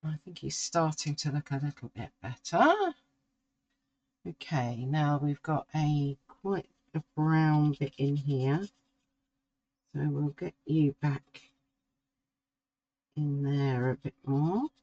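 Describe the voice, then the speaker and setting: A middle-aged woman, slowly talking through a drawing as she works and musing to herself. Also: low-pitched, darkish tone, highs cut off, slight background noise. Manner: slow, musing, talks to herself while drawing. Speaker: art tutor. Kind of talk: relaxed painting tutorial.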